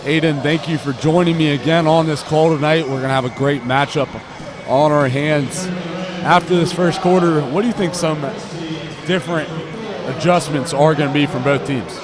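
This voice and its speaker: Over a crowd, a young adult American commentator delivers basketball play-by-play at a moderate pace, his pitch fairly high. He keeps his phrases short and clipped, following each play as it happens. The live gym recording is full of loud court noise and bouncing basketballs.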